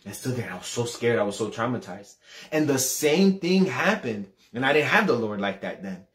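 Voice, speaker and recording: A man's voice: medium pitch, sing-song, a little fast. A man in his thirties sharing a fervent personal religious testimony, earnest, repeating himself as he builds. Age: 30s. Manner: earnest and fervent, repeating words and voice rising when retelling.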